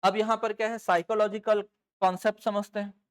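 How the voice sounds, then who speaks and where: A woman teaching a live online class. She keeps asking the class questions and then answers them herself, and she dictates notes slowly, word by word. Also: medium pitch, little pitch movement, clear, resonant tone.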